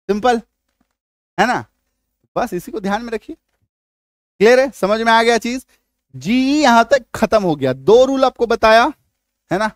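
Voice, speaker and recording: A man with a high, bright voice explains spelling rules slowly and patiently. He keeps pausing to check that the learner follows along. The recording is dry and close, with little room sound. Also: dry recording. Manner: repeats checks like "ठीक है?" and "आया समझ में?" often. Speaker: English teacher. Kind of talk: spoken spelling lesson.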